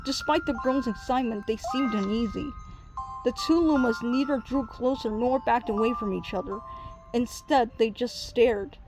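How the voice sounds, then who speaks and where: A woman reading a children's storybook aloud in a gentle, even narrating voice. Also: a little high, moderate pace, poor audio. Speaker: storybook reader. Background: soft music.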